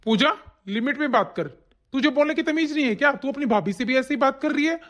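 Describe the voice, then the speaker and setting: A woman voicing a steady, protective young husband. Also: high voice, fast talker. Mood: scolding. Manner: reassuring, firm. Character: young husband, calm and protective of his wife. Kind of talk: animated family drama dubbing.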